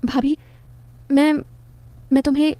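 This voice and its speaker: A woman voicing a shy, nervous young man who speaks in hesitant, hushed, stammering bits. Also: high-pitched, level tone, measured pace, dry recording, pitched above the performer's own voice.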